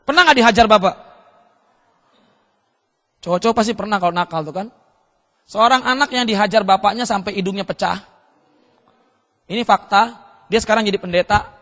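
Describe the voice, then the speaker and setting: A man's voice: high-pitched, a bit bright. A male pastor preaching at a seminar, telling a story and questioning the audience often. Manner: asks the audience frequent rhetorical questions. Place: church seminar hall. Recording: long hall reverb.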